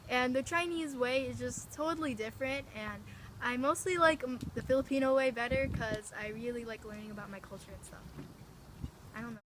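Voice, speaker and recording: A woman's voice: on the high side, fairly quick, background noise. Casual young woman interviewee. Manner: casual, with fillers.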